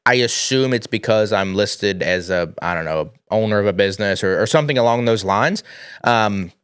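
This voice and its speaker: A man co-hosting a casual finance chat, rambling quickly with slang and filler words. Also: fairly low pitch, fairly bright tone, clear, resonant tone, dry recording, studio quality.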